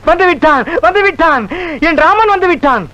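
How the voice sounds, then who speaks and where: A comic actor playing an excitable man who pleads and scolds loudly in a film comedy scene. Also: very high-pitched, fairly quick, highs cut off, exaggerated voice. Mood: wailing. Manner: loud, wailing, theatrical pleading. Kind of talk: 1990s Tamil film comedy acting.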